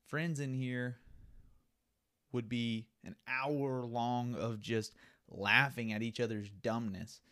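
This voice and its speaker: A man's voice: medium pitch, fairly even intonation, takes it slowly, bright, forceful tone. Rambling beer-drinking podcast host, man. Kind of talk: solo casual podcast rant.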